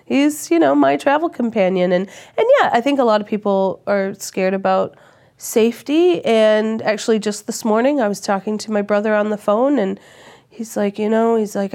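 A woman's voice: mid-range voice, darkish tone. A young woman from Minnesota with a stuffed-up voice from a cold, chatting casually in an interview about her van travels. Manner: chatty, rambling with restarts. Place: lodge room at a campground.

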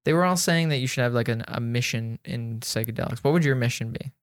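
A man's voice: medium pitch, quick pace, dry recording. Podcast guy rambling, like like like, jokey, dry close sound. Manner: rambling, lots of "like" fillers, jokey. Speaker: podcast host. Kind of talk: casual chat.

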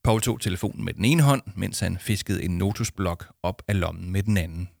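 En mand, der roligt og jævnt læser en børnehistorie op som fortæller. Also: male voice, low-pitched, vocal fry, a little mellow, no echo, studio quality. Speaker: narrator. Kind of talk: storybook narration.

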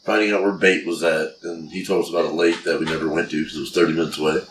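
A man's voice: a bass voice, little pitch movement, very fast, echoey room, noisy background. A man in casual podcast chat, telling stories in a dry, matter-of-fact way.

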